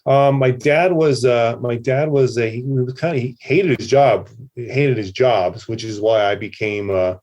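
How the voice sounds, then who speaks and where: A man's voice: medium pitch, unhurried, hardly any pauses, a little mellow, highs cut off. A middle-aged man from Hawaii, a festival producer, talking casually as a podcast guest with lots of fillers and restarts. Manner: rambling, many fillers and restarts. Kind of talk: casual conversational interview.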